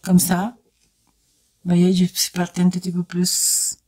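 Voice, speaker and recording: A beauty vlogger chats casually through a makeup tutorial, facing her viewers and exclaiming enthusiastically as she works. Her lowish, warm voice keeps a measured pace, yet the delivery is completely flat.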